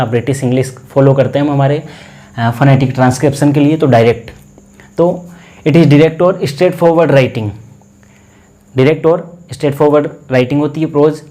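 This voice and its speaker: A man with an Indian accent teaching an English class, explaining each point carefully and repeating key words as he reads the English slowly. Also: a little high, warm tone. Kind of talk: classroom lecture.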